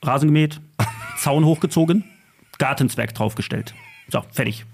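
A man's voice: a little high, vocal fry, a little mellow, husky, soft background music. A man, co-hosting a local podcast in teasing, joking banter. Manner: teasing, drawn-out joking delivery. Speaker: podcast co-host.

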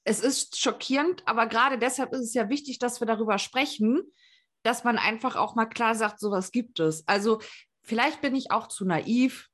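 A woman's voice: on the high side, normal speed, fairly bright tone. A woman hosting a true crime podcast, interviewing a guest politely and earnestly.

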